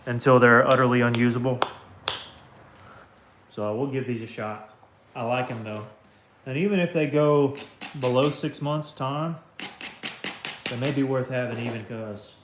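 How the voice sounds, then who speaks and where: Southern American man, casual live-stream host, chatty and easygoing, heavy knocking noise in the background. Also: mid-range voice. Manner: chatty, talks to viewers by name while working. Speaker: livestream host. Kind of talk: casual live-stream chat while flintknapping. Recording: clicks and knocking of stone work.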